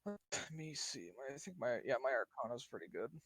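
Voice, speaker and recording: A man's voice: mid-range voice, very animated, a little fast, a bit bright, husky, dry recording. A man playing a tabletop role-playing game, casually reasoning aloud in a hesitant, rambling way.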